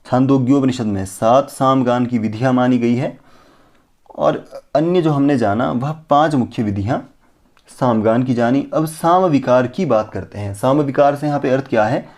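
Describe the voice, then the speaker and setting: In a slightly mellow, middle-pitched voice, a man who teaches Sanskrit leads an exam-prep lesson on a close mic. Questions he asks himself get answered right away, and at times he slows down to demonstrate chanted syllables by drawing them out.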